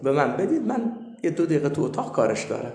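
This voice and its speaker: Brief: male cleric with a raised, lively voice, telling funny stories in a roomy hall. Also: a little high, slight background noise. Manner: lively, animated storytelling. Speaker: cleric and seminary teacher. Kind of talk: humorous anecdote in a talk. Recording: echoey room.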